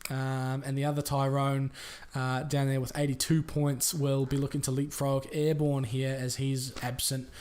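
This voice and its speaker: A man with a New Zealand accent commentating a sim racing stream in a chatty, relaxed way with lots of fillers. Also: mid-range voice, moderate pace. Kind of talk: live race commentary.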